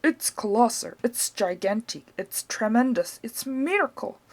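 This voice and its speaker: A woman voicing an excitable, easily worked-up father who shouts loud excited exclamations. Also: a little high, unhurried. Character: excitable small fussy father.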